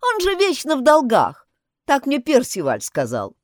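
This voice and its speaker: A hungry, cheeky errand boy, put on by a woman narrator who speaks his mind offhandedly. The voice stays lively with wide swings. Close, dry recording. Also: sits high, measured pace, no room sound, voice pushed up, heavily acted.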